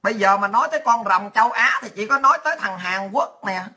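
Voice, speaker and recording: A woman's voice: medium pitch, lively intonation, fast, pushed and bright. A woman ranting in a coarse, mocking and sarcastic monologue as a political vlogger.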